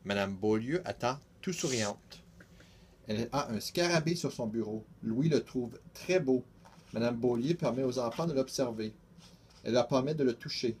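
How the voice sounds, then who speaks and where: A teenage boy reading a children's picture book aloud, steady and careful, with small restarts. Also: mid-range voice, moderate pace, a little hiss or hum. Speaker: student reader.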